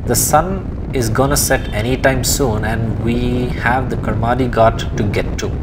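A young man from India narrating a motorbike trip in an easygoing, plain-spoken way through a helmet mic. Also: medium pitch. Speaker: motovlogger. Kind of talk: casual travel vlog narration. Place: on a motorbike on a road. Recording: road and engine noise behind.

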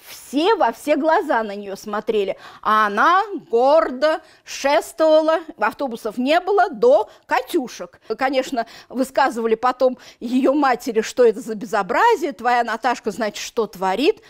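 Female storyteller, fifties, high voice, expressive, speaking to camera in a small museum room. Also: a little slow. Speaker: local history storyteller.

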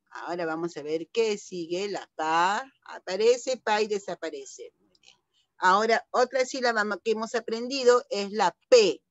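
A middle-aged primary school teacher gives an online reading lesson for young children, patiently sounding out syllables. Her voice is mid-range and there is no echo.

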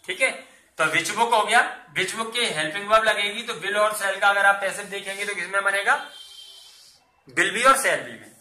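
A man's voice: high voice, pushed and bright, roomy sound. A man teaching English grammar in a classroom lesson, explaining step by step and asking and answering his own questions.

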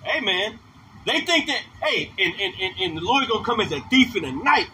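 Excitable, very bright-voiced preacher man. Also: high-pitched, a little fast, a little hiss or hum, low-quality recording. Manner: excitable, whooping, profane. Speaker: street preacher. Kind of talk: street preaching.

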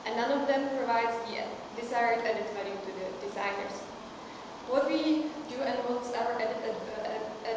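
A young woman gives a confident, rehearsed startup pitch as a presenter in a meeting room. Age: young adult. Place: small meeting room, standing by projector screen. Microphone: far camera. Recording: echoey noisy room, far mic.

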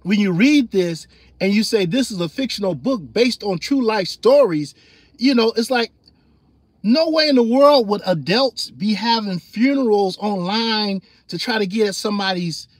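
Loud, animated man chatting on a livestream. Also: sits high, normal speed, no echo. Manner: loose and animated, laughs often, reads chat aloud, gets loud then calms down. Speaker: livestream host. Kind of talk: casual livestream chat.

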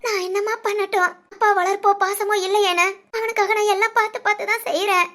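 A kindly older village woman in a spoken storybook, as a woman storyteller puts her on. She soothes and gently scolds in a very high, bright voice. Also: steady tone, fast. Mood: soothing.

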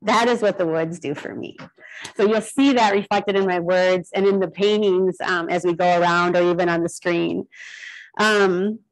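A woman's voice: lowish voice, fairly even intonation, moderate pace, rough recording. Chatty woman giving a rambling gallery talk. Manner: chatty and rambling, with many fillers. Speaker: guest artist giving a talk. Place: gallery event in front of an audience.

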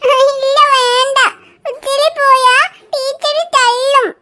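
This is a sulky little girl from a cartoon, voiced by a woman. She whines and whimpers through every refusal, her voice pitched very high and childlike. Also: level tone, slow pace, bright, forceful tone, exaggerated voice. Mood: tearful, stubborn. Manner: whiny, tearful pleading. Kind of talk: cartoon voice acting.

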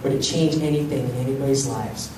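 A man's voice: mid-range voice, fast. Young man preaching in an echoey church hall. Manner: animated, swings from loud to hushed. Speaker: pastor. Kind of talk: sermon. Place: large church hall with stage. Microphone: handheld mic, filmed from the pews. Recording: echoey hall, far camera, faint hum.

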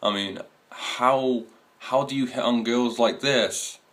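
A man's voice: medium pitch, slow, a bit bright. A man in his twenties talking casually to his camera, rambling with fillers and restarts. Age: 20s. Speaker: video host. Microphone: camera mic.

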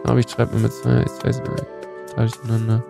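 At his desk in an indoor room, a young streamer with a cold chats excitedly into a close studio mic while playing a meme quiz. He reads out each answer and swears casually whenever he gets one wrong, talking at a quick pace in a mid-range voice. Background music sits clearly beneath him.

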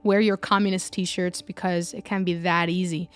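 A woman's voice: fairly low pitch, level tone, normal speed, soft background music. Upbeat woman hosting a podcast. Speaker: podcast host.

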